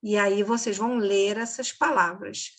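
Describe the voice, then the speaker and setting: A woman teacher giving a slow, patient recorded reading lesson for children, repeating words and checking in with "ok?". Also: medium pitch, fairly even intonation.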